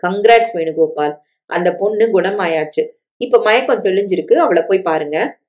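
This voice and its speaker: A woman voicing a calm male doctor who explains in a measured way, in a storybook reading. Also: high-pitched, dull audio. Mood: explaining.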